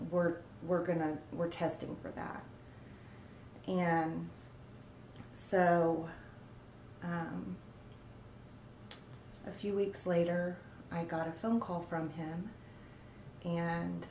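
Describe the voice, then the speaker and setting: A woman in her forties telling a personal family story to her channel, halting with many pauses and fillers. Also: fairly low pitch, darkish tone, echoey room, slight background noise. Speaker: vlogger. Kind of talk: personal story told on camera.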